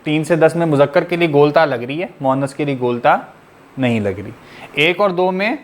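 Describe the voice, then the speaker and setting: A man's voice: a little high, animated, fairly quick. A man teaching an online class, explaining step by step and quizzing his students with repeated questions. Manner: patient, methodical explaining.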